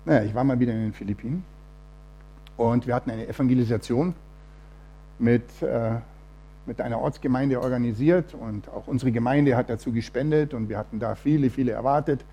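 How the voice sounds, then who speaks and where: Husky-voiced man telling a testimony. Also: mid-range voice, a little fast, warm tone, dull audio. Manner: storytelling, acts out quoted voices. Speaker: church speaker giving testimony. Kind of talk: testimony sermon with Bible reading.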